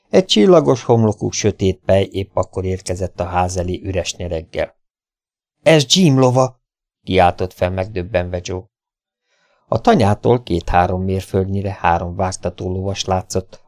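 A man narrating a novel as an audiobook reader, with steady, even storytelling. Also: low-pitched, no echo, clean studio sound. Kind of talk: scripted narration.

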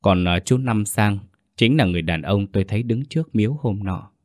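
A man narrating a ghost story in a steady, earnest first-person telling. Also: lowish voice, fairly quick, dry recording, studio quality.

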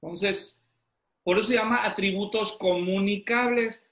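High-voiced man teaching pastors. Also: fairly even intonation, a little slow, a bit bright. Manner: questioning, drawing answers from students. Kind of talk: interactive online class. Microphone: video call. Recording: roomy echo.

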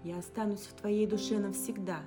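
A woman voicing a calm, tender young woman who gently reassures her friend. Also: medium pitch, fairly quick, voice pushed up, lightly acted. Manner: gentle, reassuring, soft sighs. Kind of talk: audiobook character reading. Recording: guitar music underneath. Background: guitar music.

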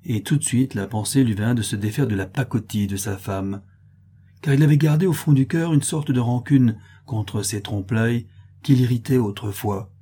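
A man narrating a classic tale in a measured, steady reading voice. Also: medium pitch, slightly rough.

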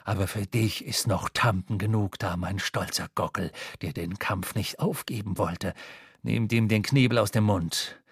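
A man voicing a scornful, mocking sea captain with a low, menacing delivery. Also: a little slow, creaky, breathy edge, no room sound, clean studio sound, exaggerated voice.

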